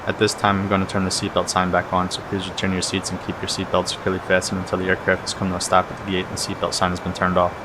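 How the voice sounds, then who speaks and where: A man's voice: deep voice, racing, few pauses. A man serving as airline captain, speaking over a cockpit headset mic, giving callouts and a cabin announcement in a routine, matter-of-fact delivery. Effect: pilot speaking over cockpit headset mic. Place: airliner flight deck. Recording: steady cockpit engine and air noise.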